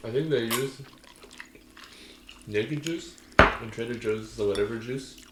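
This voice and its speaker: A man's voice: mid-range voice, measured pace. A man co-hosting an eating video, making casual conversation over a meal. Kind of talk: casual chat while eating. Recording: roomy echo, faint dish noise.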